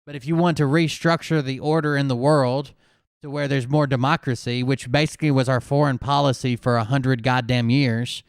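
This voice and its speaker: A man hosting a casual commentary chat, explaining calmly and skeptically, with an occasional swear word. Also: mid-range voice, moderate pace, smooth, dry recording, studio quality.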